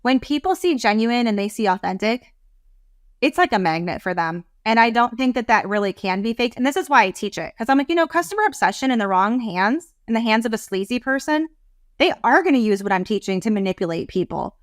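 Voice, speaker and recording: A woman coach speaks as a podcast guest in an animated, rambling, heartfelt way. Her voice sits a bit high, and the sound is dry and close with no room echo. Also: brisk. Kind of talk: casual interview talk.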